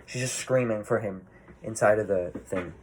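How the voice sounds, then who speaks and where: Male movie reviewer, low voice, casual rambling delivery, swears often. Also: moderate pace, a little hiss or hum. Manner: rambling, swears freely, many fillers and restarts.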